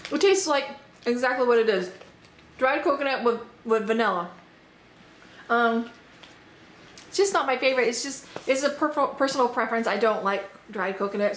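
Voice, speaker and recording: A woman chatting upbeat and thinking aloud as she unboxes and tastes snacks, her voice slightly hoarse. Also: on the high side, a bit bright. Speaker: unboxing vlogger. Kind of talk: casual product tasting review. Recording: roomy echo, faint background noise.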